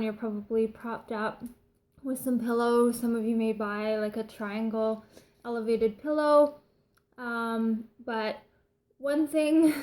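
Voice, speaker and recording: Higher-pitched Canadian woman vlogging casually. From British Columbia, Canada. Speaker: vlogger sharing recovery tips. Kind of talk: casual advice vlog.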